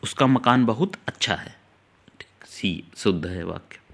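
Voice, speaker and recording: A male teacher taking students through an exam-prep grammar lesson, explaining each answer step by step and slowly repeating key words. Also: lowish voice, expressive, vocal fry, fairly bright tone. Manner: talks directly to students, urging them to note things down.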